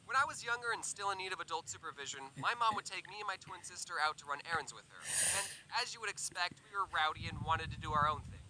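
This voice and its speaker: Young man, comedic storytime, very bright sharp tone, faint background hum. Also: on the high side, quick pace, few pauses, rough recording. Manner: animated, sarcastic, deadpan asides. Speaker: storytelling video creator.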